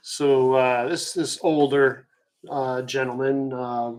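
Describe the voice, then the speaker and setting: A man's voice: mid-range voice, poor audio. A man narrating a tabletop game as dungeon master, loose and rambling with many fillers.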